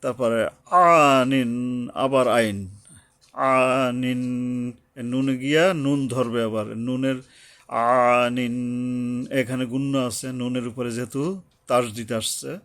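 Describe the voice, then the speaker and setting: A man's voice: medium pitch, no room sound. A man teaching tajweed, patiently explaining letters and pronunciation, repeating his points and breaking into chanted recitation. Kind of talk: slow tajweed lesson with Bengali explanation.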